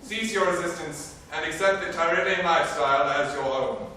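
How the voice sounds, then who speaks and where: An actor in a stage play playing a grandiose alien prince villain who hijacks a broadcast to make mock-kindly proclamations. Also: male voice, a little high, moderate pace, sharp tone. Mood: proclaiming. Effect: hijacked broadcast transmission. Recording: echoey hall from far off, audience noise.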